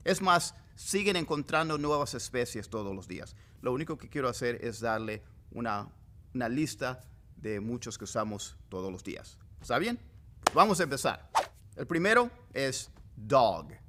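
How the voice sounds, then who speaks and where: A man teaching vocabulary as the host of a language lesson, repeating each word slowly and deliberately. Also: mid-range voice, very animated, noisy background. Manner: drawn-out, deliberate word-by-word drilling. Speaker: English teacher. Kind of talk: vocabulary lesson with slow repetition.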